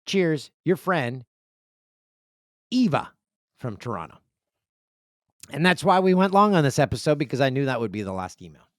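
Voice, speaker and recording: Dude hosting a podcast, reading emails, goofy rambling stories, voice jumps all over, dry mic. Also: male voice, medium pitch, normal speed, long pauses, no room sound. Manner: jokey, rambling, animated storytelling. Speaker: podcast host. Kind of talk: casual podcast chat and reading listener emails. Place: indoor room with a video setup.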